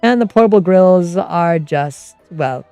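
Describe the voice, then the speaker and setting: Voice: mid-range voice, animated, measured pace, warm tone, no room sound, lo-fi sound, faint music behind. A streamer and game master of unclear sex chatting casually and explaining tabletop game rules in a rambling way.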